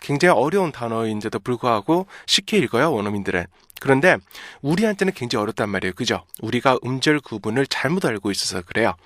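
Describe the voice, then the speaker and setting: A man teaching English pronunciation. He explains patiently, repeats words slowly and checks in with his listeners. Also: medium pitch, very animated, fairly bright tone, dry recording, clean studio sound. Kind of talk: pronunciation lesson.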